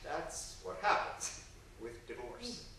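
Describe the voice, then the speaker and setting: A man's voice: on the high side, big pitch swings, slow, vocal fry, heavily acted. A performer acts out a fretful, sentimental divorced dad whose voice swings up and down as he frets. He turns tearful in a flash. The stage recording comes from far back in a very echoey hall, with faint hiss. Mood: wistful. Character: fussy, weepy, newly divorced father. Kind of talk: stage play acting. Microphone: distant room mic.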